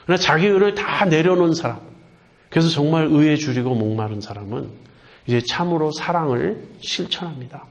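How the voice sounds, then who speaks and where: 열정적으로 설교하는 남성 목사. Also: male voice, on the high side, expressive. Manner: earnest, asks questions and answers them, slows down to stress words. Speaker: pastor. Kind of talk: sermon.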